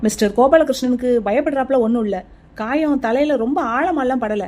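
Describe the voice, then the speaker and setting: A woman voicing a calm, middle-aged male hospital doctor in a cartoon, speaking in a measured, reassuring clinical tone. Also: high voice. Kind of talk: cartoon voice acting.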